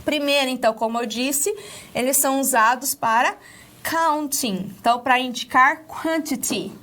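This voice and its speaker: A woman's voice: high-pitched, moderate pace, bright, forceful tone. A Brazilian woman teaching a recorded English lesson, explaining step by step and checking in with "ok?" after each point. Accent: Brazilian Portuguese.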